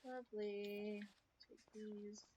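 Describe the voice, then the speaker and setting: A woman's voice: mid-range voice, little pitch movement, slow pace, dark tone. A woman giving casual commentary on her own farming game stream, chatting to herself with muttered asides. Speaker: let's play streamer. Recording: slightly dull stream audio, faint hiss.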